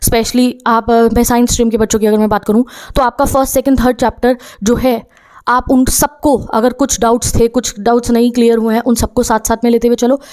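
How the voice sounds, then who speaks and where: A woman's voice: a little high, flat delivery, brisk, a little mellow. A young woman giving students study advice in a direct, urgent motivational talk, often acting out their thoughts.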